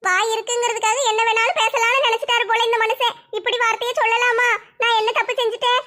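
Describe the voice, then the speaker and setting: A woman's voice: extremely high pitch, level tone, fast talker, bright, forceful tone, faint music behind. A woman playing an aggrieved young wife who pleads and complains in a family drama skit. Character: hurt, stubborn young wife, a daughter-in-law.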